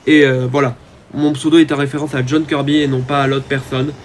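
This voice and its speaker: A man's voice: medium pitch, little pitch movement, fairly quick, a little hiss or hum. A man giving casual, rambling commentary over his own gameplay, talking to his viewers with many hesitant fillers. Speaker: gaming YouTuber.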